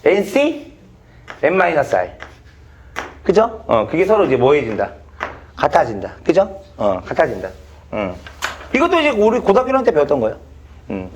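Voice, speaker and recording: Guy teaching math to a class, high voice that jumps all over, curses casually. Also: wildly swooping pitch, moderate pace, long pauses, slight background noise. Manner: blunt, swears casually, quizzes students by name. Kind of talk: classroom lecture.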